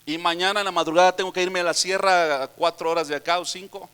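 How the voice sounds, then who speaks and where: A middle-aged Mexican man preaching a sermon as a pastor, telling stories quietly and then urging the youth loudly. He says he is short on sleep. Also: high voice, steady tone, quick pace, clean tone. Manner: storytelling preacher, shifts from quiet retelling to loud exhortation. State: tired.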